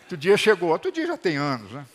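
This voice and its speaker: A middle-aged man preaching a sermon to his congregation in a church hall, animated and calling for responses. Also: on the high side, fast talker. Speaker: pastor.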